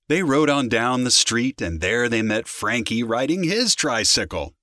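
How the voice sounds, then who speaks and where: A man reads a children's storybook aloud with animated, expressive delivery. His voice is bright and a little high, and its pitch moves a great deal. The sound is dry and close. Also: a little slow, no echo.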